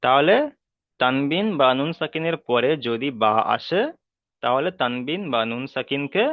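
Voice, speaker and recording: In an online tajweed lesson, a male Quran teacher patiently and repetitively explains the reading rules, often checking his listeners' understanding with questions. He stretches out Arabic sounds slowly as he demonstrates, his middle-pitched voice dry and tinny like a phone line, with no room sound.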